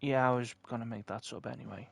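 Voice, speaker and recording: A man chatting while gaming who reacts excitedly to his match and often repeats words. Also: medium pitch, quick pace, creaky, a little hiss or hum. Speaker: streamer playing with friends. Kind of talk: casual chat while gaming.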